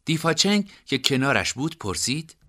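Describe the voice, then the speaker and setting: A man reading a story aloud as an audiobook narrator, at a middle pitch. His delivery is expressive, and his pitch rises and falls in a lively, animated way.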